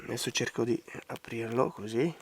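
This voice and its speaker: A man with a hoarse, congested voice giving out from a bad cold, talking casually through a hands-on craft tutorial. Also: mid-range voice, moderate pace, background noise. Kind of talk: casual hands-on DIY commentary. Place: outdoors in a garden.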